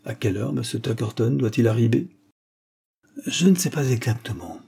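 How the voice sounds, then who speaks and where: A man's voice: mid-range voice, expressive, moderate pace, vocal fry, mellow, breathy edge, full character voice. A man reading the part of an old, deferential estate steward in an audiobook, earnest and easily surprised.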